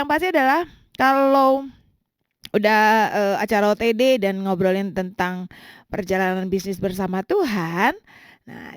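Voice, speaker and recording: Chatty woman radio host, high voice. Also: no room sound, studio quality. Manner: chatty, friendly, with frequent fillers. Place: radio studio.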